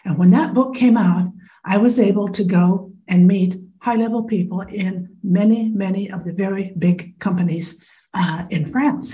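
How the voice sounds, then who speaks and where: An American woman in her fifties from Iowa speaks at a moderate pace in a mid-range, dark-toned voice, and the audio sounds dull. She is a guest in a conversational interview, answering thoughtfully and frankly with plenty of small fillers.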